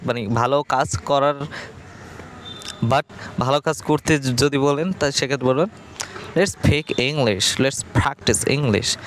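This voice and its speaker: A man teaching spoken English, explaining slowly and checking in with "okay?" often. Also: mid-range voice, a little hiss or hum. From Bangladesh. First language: Bengali. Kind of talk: casual classroom explanation.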